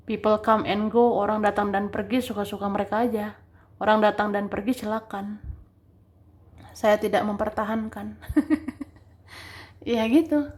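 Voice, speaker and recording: Woman tarot reader, relaxed and chatty, repeats herself, mid-range voice. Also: medium pitch. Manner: chatty, repeats and rephrases each point, laughs often. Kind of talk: casual tarot reading.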